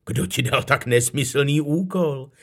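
A man reading a children's storybook, voicing a small curious male elf in a high, eager voice. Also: close to an everyday voice.

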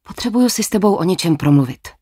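A woman's voice: lowish voice, expressive, dark tone, slightly rough. A woman voicing an awkward young man who pleads with his ex-girlfriend in hesitant, stumbling phrases. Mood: pleading.

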